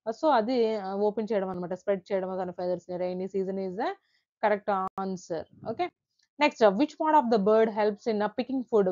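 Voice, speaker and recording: A woman with a Telugu accent teaches a quiz lesson at a steady, mid pitch. She reads each question slowly and then explains the answer. The recording sounds a little dull and lo-fi. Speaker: exam-prep teacher.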